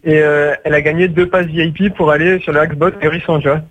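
A man's voice: fairly high pitch, little pitch movement, quick pace, a bit bright, no room sound. A young man calling a radio show, hesitant and sheepish, with many fillers, over a phone line. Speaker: caller.

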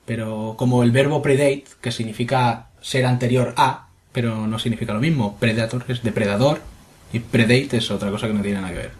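A man's voice: mid-range voice, steady tone, brisk. A man with a Spanish accent from Spain, co-hosting a casual podcast, reading listener comments aloud and swearing freely as he rambles. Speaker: podcast co-host.

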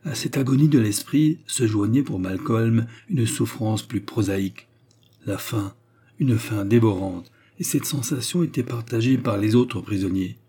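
A male audiobook narrator with a measured, even reading. His voice is low and husky, with a dark, mellow tone. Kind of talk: scripted narration.

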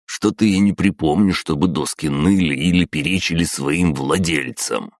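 A man's voice: a bass voice, moderate pace, no room sound, clean studio sound. A man voicing a hulking, vicious male guard who mocks and snarls at his captives. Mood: sneering. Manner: mocking, snarling.

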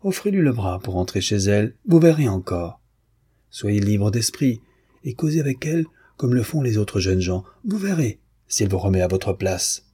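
Lecteur masculin jouant une jeune fille orgueilleuse et moqueuse, timbre sombre et voilé, ton dédaigneux. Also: male voice, lowish voice, big pitch swings, moderate pace, dark tone, breathy edge, full character voice. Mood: scornful. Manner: cutting, disdainful. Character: proud young woman, scornful and calm.

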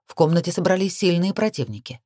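A woman narrating a fantasy novel in the first person with even, wry storytelling. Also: on the low side, fast, no room sound, studio quality. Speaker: audiobook reader.

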